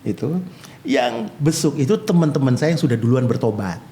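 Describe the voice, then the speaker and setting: A man's voice: mid-range voice, moderate pace, noisy background. A male pastor, telling his own life story in an interview and acting out the voices of people he quotes. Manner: animated storyteller who acts out quoted voices.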